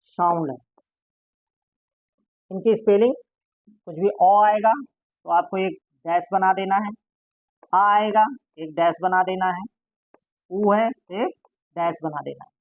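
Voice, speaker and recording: A woman's voice: fairly low pitch, slow pace, pauses often, no room sound, muffled recording. A woman teaching a shorthand lesson, asking her class questions and answering them herself.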